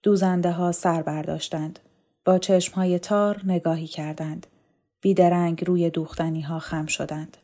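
A woman narrates a novel aloud in a calm, measured audiobook style. Her voice sits somewhat low and sounds mellow and warm rather than bright.

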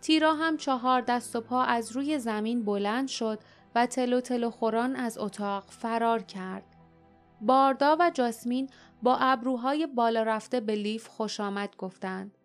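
A woman's voice: on the high side, faint music behind. Woman narrating an audiobook. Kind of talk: scripted narration.

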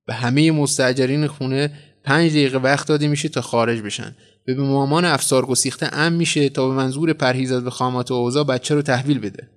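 A man's voice: medium pitch, steady tone, close to an everyday voice. A man playing a stern sheriff who makes a formal announcement in a storybook reading. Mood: official. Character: stern male sheriff making a loudspeaker announcement.

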